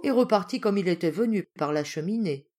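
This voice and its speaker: A woman narrating a traditional fairy tale as an audiobook reader, in an expressive storytelling way. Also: fairly low pitch, fairly quick, over loud music. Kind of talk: storybook reading.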